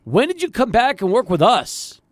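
High-voiced male talk show host. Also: very animated, normal speed, dry recording. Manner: prompts the guest and asks follow-up questions. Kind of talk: casual talk show chat.

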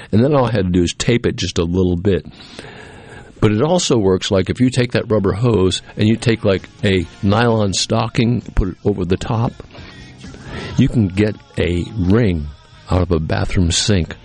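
Low-voiced man hosting casual radio chat. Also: a little mellow, no echo. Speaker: radio show host.

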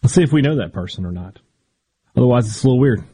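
A man's voice: mid-range voice, lively intonation, fast, dark tone, breathy edge. An American man co-hosting sports talk radio, bantering in a wry, informal way.

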